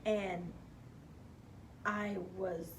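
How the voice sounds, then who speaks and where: An animated woman recounts her career in a relaxed interview, slipping into quoted voices and gasping for effect. Her voice sits at a middling pitch for a woman, with a faint hiss of background noise behind her. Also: very slow. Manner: animated, acts out quoted dialogue with gasps. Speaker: hair stylist guest. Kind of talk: casual interview storytelling.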